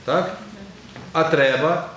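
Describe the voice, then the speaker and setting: The speaker, an Orthodox metropolitan, delivers a sermon slowly in a fairly high, fairly bright voice while quizzing his congregation conversationally. The large church makes for a very echoey recording with faint ambient noise.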